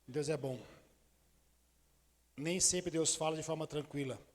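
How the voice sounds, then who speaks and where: A male pastor preaching a sermon, swinging between loud declarations and hushed, intimate asides. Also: on the high side, measured pace, in a large hall. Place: church sanctuary.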